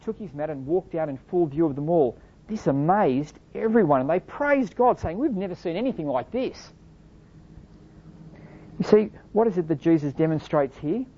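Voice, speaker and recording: Female preacher, lowish voice, earnest and explanatory, dull lo-fi recording. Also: dark tone, slightly rough. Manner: earnest, explanatory, rhetorical questions. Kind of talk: sermon.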